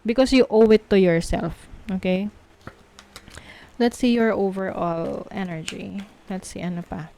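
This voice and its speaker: A woman from the Philippines giving a tarot reading, slow and reassuring, mixing Tagalog and English and checking in with her listeners. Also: mid-range voice, steady tone, gravelly, warm tone, a little hiss or hum. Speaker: tarot reader.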